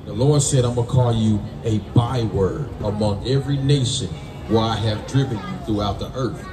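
Speaking in a lowish voice at a moderate pace, an American man does emphatic, colloquial call-and-response Bible teaching on the street, leaning on "right?" and "man." The mic is distant and roomy, surrounded by people's noise.

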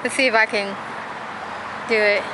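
A woman's voice: fairly high pitch, fairly even intonation, moderate pace. Chatty young woman vlogging outdoors. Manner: chatty, lots of "like" and "um". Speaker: travel vlogger. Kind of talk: casual travel vlog. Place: outdoors in gardens and in a car. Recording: camera audio with clear outdoor noise.

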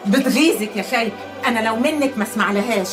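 A woman's voice: fairly high pitch, fast, natural voice. An actress playing a caring, coaxing Egyptian mother in a TV drama, speaking with an Egyptian Arabic accent. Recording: distant voice over music score.

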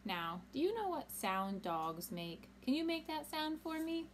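A woman reading a picture book aloud to children, animated and asking them questions. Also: high-pitched, unhurried, slight background noise. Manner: animated, asks young listeners questions. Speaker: storytime reader.

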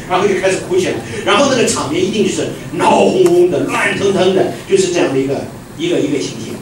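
Male pastor preaching, voice jumps all over, echoey church hall, mic kinda far off. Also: sits high. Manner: animated preaching, swings from loud exclamations to hushed quiet lines. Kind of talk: sermon.

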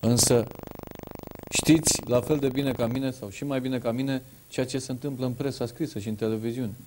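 A man's voice: mid-range voice, fairly even intonation, darkish tone, slight background noise, poor audio. A man hosting a talk show, asking probing questions with hesitant fillers.

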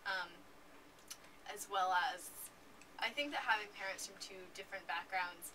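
A woman's voice: medium pitch, normal speed. A fourteen-year-old girl answering interview questions in a chatty way, laughing often, with lots of fillers. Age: teens. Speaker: interviewee, young author and speaker. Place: indoor room with curtains, seated in armchair. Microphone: camera at a distance. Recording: distant mic, faint noise.

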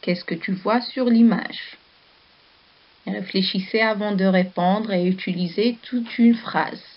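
Slow, patient woman teacher, lo-fi sound. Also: medium pitch. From Morocco. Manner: slow, patient, asks questions and praises answers. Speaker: primary school teacher. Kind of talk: slow classroom lesson and storybook reading. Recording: dull lo-fi recording.

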